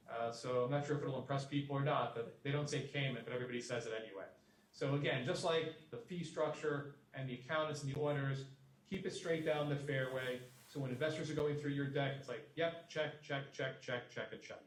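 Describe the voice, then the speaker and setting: A man giving a guest lecture to a business class, plainspoken and fond of repeating homely sayings. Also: on the high side. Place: university lecture room. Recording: echoey room, voice from a distance.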